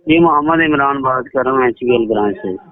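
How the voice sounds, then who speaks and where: A man, heard over a phone line, posing as a bank officer and pressing the other person for card details in a smooth, insistent way. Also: mid-range voice, brisk. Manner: smooth, insistent, repeats "ji ji" to keep the caller going. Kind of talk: phone call. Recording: tinny phone call recording.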